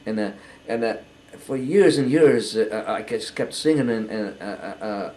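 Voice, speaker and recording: An older man giving a halting, earnest personal testimony, often repeating words as he goes. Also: on the low side, lively intonation, a little mellow, slight background noise, low-quality recording. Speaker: interviewee.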